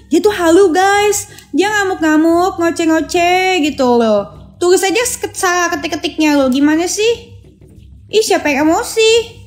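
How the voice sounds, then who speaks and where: A woman's voice: extremely high pitch, measured pace. A young woman ranting sarcastically on a phone live stream, mocking and mimicking someone. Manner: taunting, sarcastic, mimics others.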